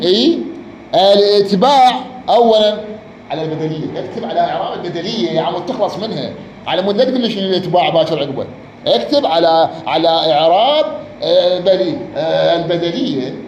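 A man's voice: on the high side, expressive, quick pace, a little mellow, lo-fi sound. A man teaching a grammar lesson, repeating words and quizzing his student. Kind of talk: Arabic grammar lesson, question and answer. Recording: echoey room, faint noise.

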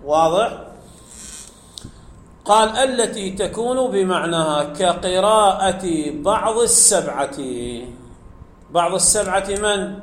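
A man's voice: sits high, slow, pauses often. A man teaching grammar in a classroom lecture, explaining step by step, quizzing his students and drawing out key words. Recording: echoey room.

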